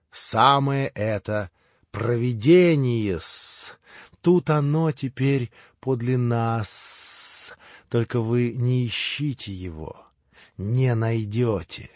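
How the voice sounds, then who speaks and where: A sly male servant, fawning and insinuating, played by a man reading aloud, with a husky, slow delivery. His servile politeness turns into cold accusation. The sound is dull and lo-fi, with faint music underneath. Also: mid-range voice, a little mellow, no room sound.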